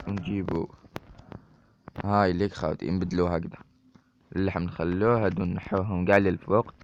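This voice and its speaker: Algerian guy doing chatty game commentary, deep voice with some fry, dull lo-fi mic, hiss behind. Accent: Algerian Arabic. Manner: chatty, keeps addressing viewers as brothers. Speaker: gaming YouTuber. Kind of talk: Minecraft let's-play commentary. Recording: dull lo-fi mic with steady noise.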